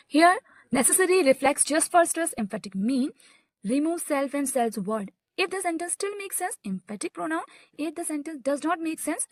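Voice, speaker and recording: A woman's voice: high-pitched, no room sound. A young woman with an Indian English accent teaching a grammar lesson, explaining step by step and often saying "okay" between points. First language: Hindi.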